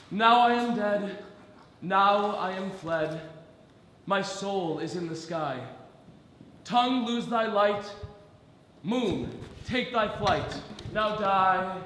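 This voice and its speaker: A man's voice: high-pitched, pushed and bright, a little hiss or hum, full character voice. A man acting a pompous weaver who plays a tragic lover, overblown and melodramatic. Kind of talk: live stage acting. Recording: echoey hall, reverberant stage.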